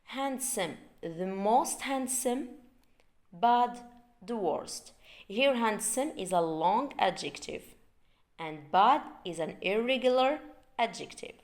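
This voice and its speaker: A woman teaching an English grammar lesson, reading out words slowly and repeating them for learners. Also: a little high, expressive.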